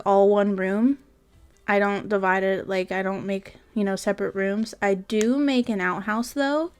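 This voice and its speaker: A woman's voice: medium pitch, a little mellow, clear, resonant tone. A tired woman giving casual, rambling voice-over commentary on her building game, full of fillers and trailing asides. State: tired, yawning.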